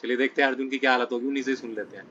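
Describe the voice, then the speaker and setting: A man's voice: mid-range voice, steady tone, very fast, pushed and bright. A man explaining scripture to a study group in a conversational way, often checking in with listeners between phrases. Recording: dull lo-fi sound with faint noise.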